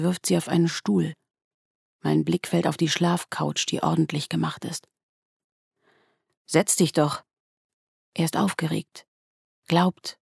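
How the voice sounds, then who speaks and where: Hushed, gravelly female audiobook narrator. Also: fairly low pitch, dry recording, clean studio sound. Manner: hushed, tense, dropping at times to a whisper. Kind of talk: first-person literary narration.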